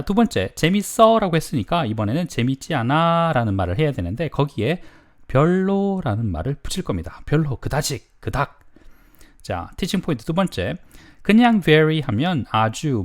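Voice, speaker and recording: Guy running an english lesson, lively sing-song delivery, makes you repeat after him, reads examples super slow. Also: mid-range voice. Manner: reads English model sentences slowly and deliberately. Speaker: English teacher. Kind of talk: drill-style language lesson.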